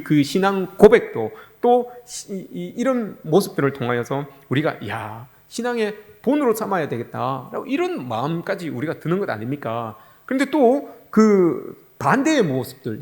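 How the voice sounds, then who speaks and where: Animated, gravelly-voiced preaching man. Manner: animated, acts out quoted dialogue with swings in pitch and volume. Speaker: pastor. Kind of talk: sermon. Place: church sanctuary.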